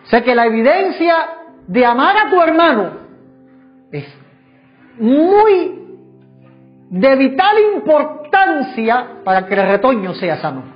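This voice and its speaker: Before a congregation at a church service, a preacher speaks slowly with long pauses, his very high voice highly animated. He is fervent and full of rhetorical questions, and the dull lo-fi recording carries faint background music.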